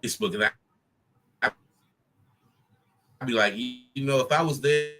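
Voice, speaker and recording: A man's voice: medium pitch, moderate pace. A man chatting casually on a video call whose audio keeps breaking up and dropping syllables. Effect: choppy audio cutting out over a bad video call connection. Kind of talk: casual chat.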